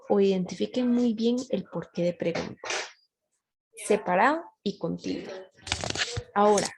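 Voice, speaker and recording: A woman's voice: medium pitch, vocal fry, darkish tone, slight background noise, poor audio. A woman teacher giving a grammar lesson, patient and explanatory, often checking her students follow along.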